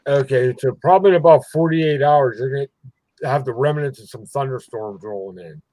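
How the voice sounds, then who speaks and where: A man from southwestern Pennsylvania chats informally with a group. His voice is soft-edged and mellow, recorded dry with almost no room sound. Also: medium pitch, a little fast, no room sound, low-quality recording. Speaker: participant in a live group chat. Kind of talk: casual chat.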